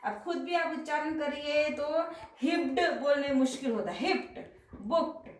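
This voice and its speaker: A woman's voice: high-pitched, animated, normal speed, roomy sound, low-quality recording. A woman teaching English pronunciation with an Indian English accent, patiently explaining and asking rhetorical questions while repeating example words. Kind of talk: explanatory lesson mixing Hindi and English.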